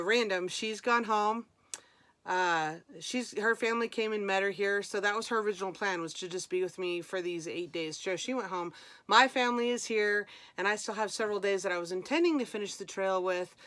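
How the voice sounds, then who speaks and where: A woman's voice: medium pitch, fairly bright tone, no room sound. A woman talking casually for a vlog as a hiker, chatty and informal, thinking aloud as she goes. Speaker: vlogger, hiker.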